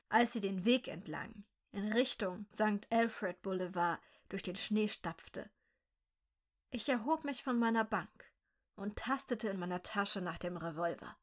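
Slow, hushed woman reading a dark story. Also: medium pitch. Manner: slow, measured, quietly tense. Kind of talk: first-person scary story reading.

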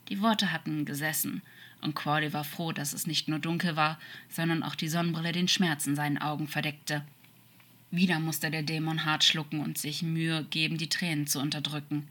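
A woman narrating a fan-fiction story as an expressive audiobook reading, sometimes dropping to soft whispers. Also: deep voice, moderate pace.

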